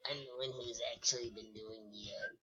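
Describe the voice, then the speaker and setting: A woman's voice: extremely low pitch, fairly quick, pushed and bright. A woman co-hosting a casual gaming video, speaking hesitantly with many fillers. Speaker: co-host. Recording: muffled lo-fi recording.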